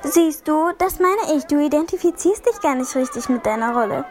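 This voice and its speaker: A woman's voice: sits high, lively intonation, brisk, a crowd in the background, background noise, voice pushed up. A woman voicing an arrogant young actress who talks down to her co-stars. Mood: snooty. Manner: arrogant, condescending. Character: haughty young woman film star.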